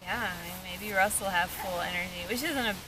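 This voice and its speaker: Female vlog host, average pitch, casual and thoughtful delivery in short phrases, noisy outdoor field sound. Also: a little fast. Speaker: vlog host, paranormal investigator. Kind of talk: casual reflective chat. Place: outdoors in a cemetery.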